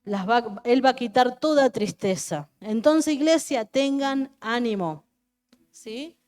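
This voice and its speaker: A woman's voice: a little high, takes it slowly, a little mellow. Fervent Argentine woman preaching. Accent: Argentine Spanish. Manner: fervent, repeats phrases, asks the congregation questions. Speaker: pastor. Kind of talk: sermon. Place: church service.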